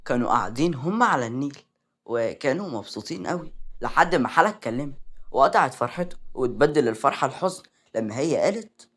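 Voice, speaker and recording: Fast, expressive Egyptian storyteller woman. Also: very deep voice, breathy edge. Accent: Egyptian Arabic. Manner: dramatic, expressive reading. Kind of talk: reading a serialized romance novel.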